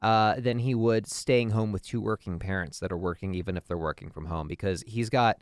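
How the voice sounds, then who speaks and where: A man's voice: lowish voice, brisk, dry recording, clean studio sound. A man, a father and podcast co-host, talking in a supportive, reassuring way in casual chat.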